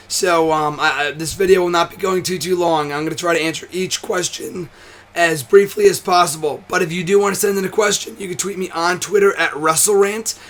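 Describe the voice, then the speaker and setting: His voice almost gone, a tired young wrestling commentary host chats casually to the camera for his vlog. He sounds hoarse, high and a bit bright, frequently rambling, cursing and starting sentences over.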